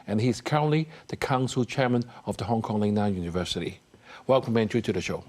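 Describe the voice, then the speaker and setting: Man, TV interview host, somewhat low voice, scripted intro, hesitant questions. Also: fast talker, darkish tone. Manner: reads a scripted introduction, then asks questions with hesitant fillers. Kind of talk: news interview.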